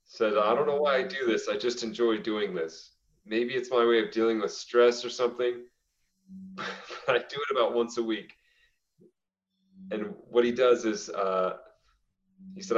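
A young man co-hosting a podcast, reading listener confessions aloud in a casual way and often breaking into laughter. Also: medium pitch. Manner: laughs often while reading, says "dude" a lot. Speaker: podcast co-host. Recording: roomy, slightly dull recording.

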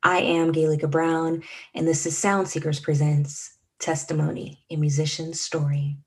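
A woman's voice: sits low, flat delivery, moderate pace, husky. A woman hosting a podcast, introducing the episode and asking friendly, upbeat questions. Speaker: podcast host and interviewer. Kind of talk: podcast interview.

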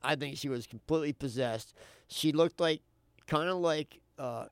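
A man's voice: a little high, normal speed, clean tone, no room sound. A male co-host in casual chat and storytelling, emphatic and often repeating himself. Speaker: show co-host.

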